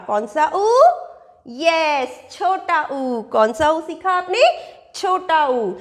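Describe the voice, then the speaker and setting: A woman's voice: high voice, a bit bright. A young woman teacher leading a children's lesson with sing-song rhymes and call-and-response questions in her phrases. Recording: echoey room with long reverb.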